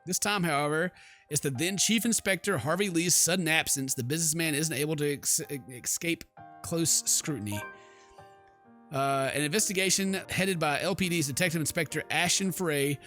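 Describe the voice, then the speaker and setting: This let's play host has a bright, forceful voice on the high side and speaks at a moderate pace. With game music in the background, he reads the game's story text with drama and drops in casual jokes and asides.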